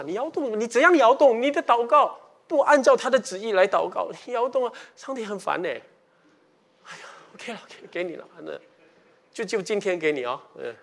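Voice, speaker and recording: A middle-aged male pastor preaching a sermon, swinging from quiet stretches to emphatic ones and constantly putting questions to the congregation. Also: on the high side.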